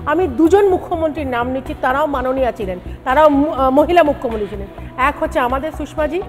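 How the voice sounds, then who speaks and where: High-voiced woman party spokesperson arguing. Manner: emphatic, mixes English phrases into her speech. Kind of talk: TV panel debate argument.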